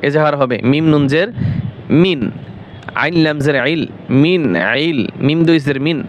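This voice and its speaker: A man with a Bangladeshi Bengali accent teaching Quran recitation, spelling out letters syllable by syllable and drawing recited words out slowly, often asking and answering his own questions. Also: fairly high pitch, steady tone, muffled recording, slight background noise. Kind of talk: slow spelling-out Quran lesson.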